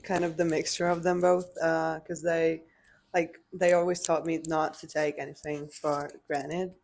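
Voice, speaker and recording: Gravelly-voiced young woman from Hungary. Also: low-pitched, a little mellow. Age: young adult. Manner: brief answers with fillers. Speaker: student athlete guest. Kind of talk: casual interview answers.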